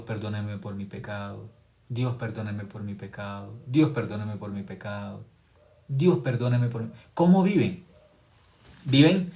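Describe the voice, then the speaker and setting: A man preaching a sermon with forceful rising stresses that drop to hushed low tones and drawn-out key words. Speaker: pastor.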